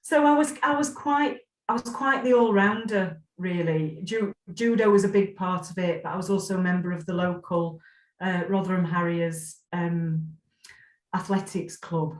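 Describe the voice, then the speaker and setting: This former player from Scotland, a woman in her 40s, talks in a lowish voice at a normal pace as an interview guest in a relaxed conversation. Her reminiscing is warm and thoughtful, full of fillers and false starts. The audio is poor and reverberant.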